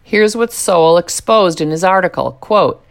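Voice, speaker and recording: A woman's voice: on the low side, moderate pace. A woman reading scripted political commentary in a sarcastic, mocking manner.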